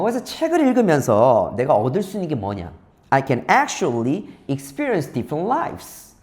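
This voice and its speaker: Lively male tutor, slow model lines. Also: high-pitched. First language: Korean. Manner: reads English lines slowly, explains briskly. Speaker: English speaking tutor. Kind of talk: lecture.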